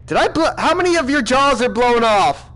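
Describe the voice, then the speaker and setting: A man with a high voice plays a bossy villain in a comedic game session. He keeps a mock-stern, exasperated tone, scolding his crew. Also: animated, normal speed, a bit bright. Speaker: gamer playing a villain boss. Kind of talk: comedic gaming role-play.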